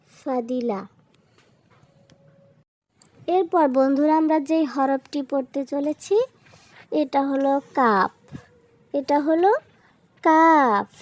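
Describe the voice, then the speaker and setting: Slow, patient high-voiced woman teacher. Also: a little mellow. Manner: patient, spells each syllable and repeats it. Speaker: Quran reading teacher. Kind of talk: slow spelling-drill lesson narration.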